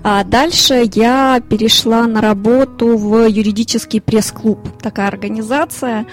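A woman in her thirties from Ukraine, a lawyer and consultant, answering interview questions in a measured way with fillers. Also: fairly high pitch, steady tone, soft background music. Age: 30s. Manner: measured, listing things with fillers.

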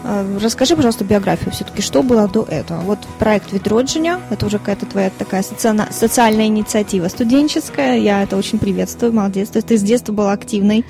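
A woman hosting a business radio interview, asking quick, prompting follow-up questions over faint music. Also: medium pitch, creaky. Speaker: radio show host.

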